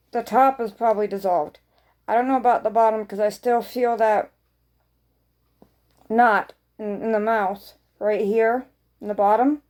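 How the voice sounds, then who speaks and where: Casting: female vlogger, higher-pitched soft-edged mellow voice, informal rambling delivery with repeated phrases. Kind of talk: casual chat to viewers.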